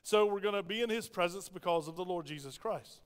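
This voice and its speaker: This Southern-accented pastor delivers his sermon in a brisk, high-pitched, clean voice, repeatedly throwing rhetorical questions at the congregation. The recording carries the long echo of a church hall, and he stands in the sanctuary.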